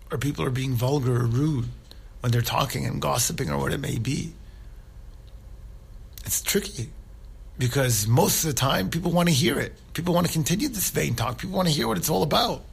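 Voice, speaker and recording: A man's voice: on the high side, creaky, slightly rough. A man giving an informal religious talk, earnest and conversational, who often checks in with his listeners. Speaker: Islamic speaker.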